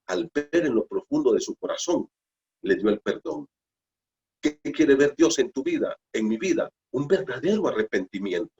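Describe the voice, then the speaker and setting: A man's voice: medium pitch, a little mellow, highs cut off. A man preaching a Bible study sermon, emphatic, repeating phrases and asking rhetorical questions. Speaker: pastor.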